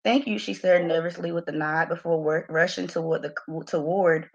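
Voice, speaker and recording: A woman's voice: on the low side, moderate pace. Woman reading her novel aloud, muffled. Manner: expressive reading with laughing asides to a live audience.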